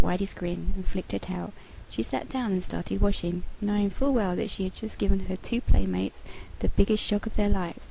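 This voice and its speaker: A woman reads a children's story aloud, calm and measured. Her voice is mellow and low in brightness, with a noticeable gravelly fry. The delivery is gentle, paced for young listeners. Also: a little hiss or hum, poor audio. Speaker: author reading her own book. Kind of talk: storybook narration.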